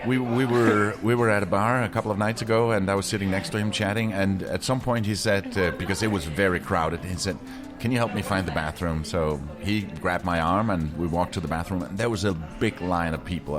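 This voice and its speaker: A man hosting a podcast, chatting casually with a guest and telling stories in a relaxed way. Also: low-pitched, brisk, few pauses, music in the background. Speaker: podcast host. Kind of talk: casual interview chat.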